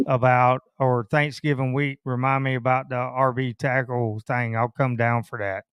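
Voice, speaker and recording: Laid-back Southern host, smooth voice. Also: male voice, mid-range voice, level tone, normal speed, a bit bright, no room sound. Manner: laid-back, rambling with many fillers. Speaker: podcast host. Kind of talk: casual chat.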